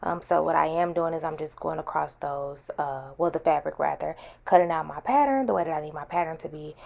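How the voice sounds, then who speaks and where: A woman's voice: low voice, fairly quick, creaky, darkish tone. A woman giving a casual, chatty voice-over tutorial, her speech slightly slurred by a retainer she is wearing. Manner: chatty, informal, addresses viewers as y'all. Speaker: host of a sewing vlog.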